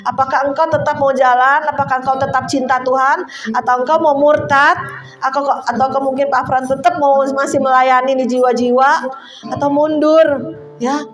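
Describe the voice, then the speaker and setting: A woman's voice: sits high, fairly even intonation, normal speed. An older woman giving a sermon, telling stories in a conversational, emotional way and laughing now and then. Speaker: preacher. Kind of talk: sermon testimony. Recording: faint music behind. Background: soft instrumental music.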